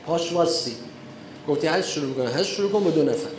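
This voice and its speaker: A man's voice: on the high side, roomy sound, crowd noise, low-quality recording. A man, a cleric, lecturing and answering questions, getting emphatic and preacher-like when he drives a point home. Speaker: cleric lecturing on running religious gatherings.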